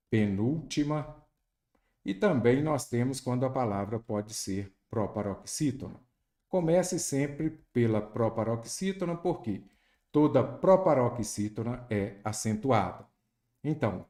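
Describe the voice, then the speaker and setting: Emphatic Brazilian Portuguese teacher. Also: male voice, mid-range voice. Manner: lively, emphatic, quizzing the viewer. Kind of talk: exam prep lesson.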